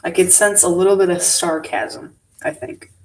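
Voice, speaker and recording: A man hosting a live stream, talking low-key to himself as he works on a model. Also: steady tone, moderate pace, gravelly, a little mellow. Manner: low-key, muttering to himself while working. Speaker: livestream host. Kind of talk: live-stream commentary while working on a model. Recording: voice a bit distant from the mic.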